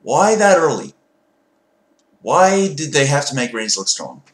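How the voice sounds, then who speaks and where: Animated, exasperated man ranting in an echoey room. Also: mid-range voice, measured pace. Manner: exasperated, profane, emphatic ranting with outbursts. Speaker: wrestling fan giving an opinion rant. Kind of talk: ranting vlog commentary. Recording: roomy, echoey sound.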